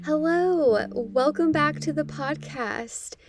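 Young american woman doing a scripted podcast intro, bit of creak, music behind. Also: high voice, takes it slowly. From American Midwest. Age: young adult. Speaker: podcast host and counselor.

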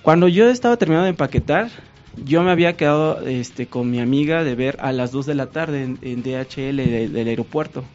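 A man's voice: medium pitch, a little fast, muffled recording, soft background music. A man with a Mexican accent, a painter guest telling a story in casual talk and acting out what people said. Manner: animated, acts out quoted dialogue.

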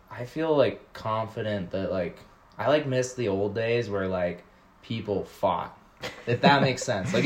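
A man appears as a guest on a casual chat show. He rambles and stops and starts, leaning on "like" again and again, in a fairly low voice. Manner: rambling, halting, heavy use of "like".

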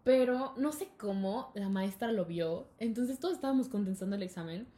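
A young woman with a Mexican accent telling a school story in casual chat, lively and full of laughter. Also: moderate pace. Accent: Mexican Spanish. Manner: animated, laughing, acts out quotes in high voices.

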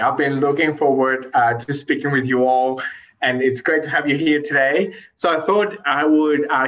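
Male podcast host, bright tone, friendly, stumbles and restarts. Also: medium pitch, rough recording. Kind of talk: podcast interview.

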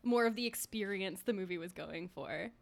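A woman co-hosting a podcast in casual chat, talking quickly and laughing often. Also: mid-range voice, vocal fry. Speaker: podcast co-host.

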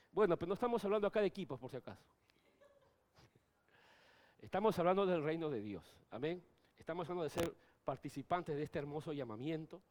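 A middle-aged male pastor preaching a sermon, moving between soft asides and loud, emphatic peaks. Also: a little high.

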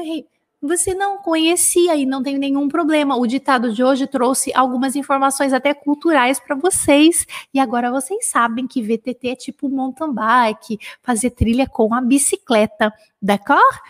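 Brazilian woman in her 30s, french teacher on a live, slows down to spell words, bit high voice. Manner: lively, explains and repeats words slowly. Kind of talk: live-stream dictation lesson.

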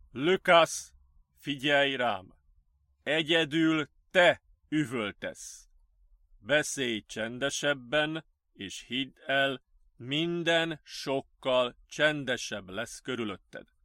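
A man voicing a calm male psychiatrist who speaks slowly and firmly, in an audiobook. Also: mid-range voice, no room sound, clean studio sound, natural voice. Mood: soothing. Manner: slow, soothing and firm. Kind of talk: audiobook character voice.

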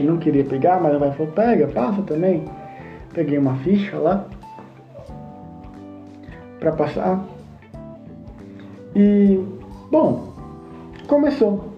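A man telling a personal testimony in an earnest way, acting out the dialogue he remembers. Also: fairly high pitch. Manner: earnest, acts out quoted dialogue. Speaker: storyteller. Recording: roomy, dull lo-fi sound with faint guitar.

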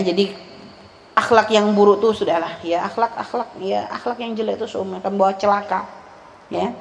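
A woman's voice: fairly low pitch, a little mellow. A woman with a Javanese accent giving a religious lesson to women, reciting Arabic lines and translating them with chatty asides. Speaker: Islamic religious teacher. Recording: echoey hall, faint background noise.

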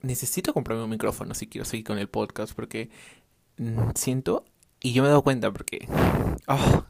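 A man's voice: medium pitch, moderate pace, creaky, darkish tone. A young man hosting a casual solo podcast without a proper microphone, rambling and drifting off topic. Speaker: podcast host, clothing brand owner. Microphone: no dedicated microphone.

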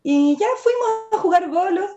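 A Chilean woman, a nail artist and tattooist, telling funny anecdotes in casual chat, animated and laughing as she goes. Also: very high voice, moderate pace, crowd noise. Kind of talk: casual storytelling. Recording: muffled lo-fi audio.

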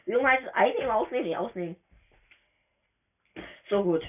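A woman giving casual, excitable let's-play commentary as she plays, chatty and slangy, often tripping over her words. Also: fairly high pitch, normal speed, a little hiss or hum. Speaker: gamer narrating her play. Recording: tinny phone-quality voice message.

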